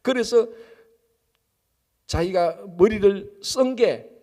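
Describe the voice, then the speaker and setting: Man preaching a sermon, high lively voice, echoey church hall. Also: slow. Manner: animated, asks rhetorical questions and answers them. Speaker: pastor. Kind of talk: sermon at an early-morning service. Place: church sanctuary.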